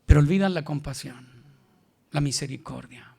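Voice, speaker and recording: A man's voice: a little high, moderate pace, creaky, darkish tone, breathy edge. A male pastor with a Chilean accent, preaching an emphatic, colloquial sermon. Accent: Chilean Spanish.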